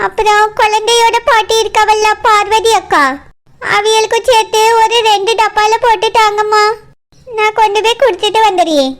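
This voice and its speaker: A woman's voice: very high-pitched, fairly even intonation. A woman voicing a sly, coaxing cartoon grandmother with a Kanyakumari accent. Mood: insistent. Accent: Kanyakumari Tamil. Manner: coaxing, drawn-out endearments. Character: scheming old grandmother, sweet-talking mother-in-law.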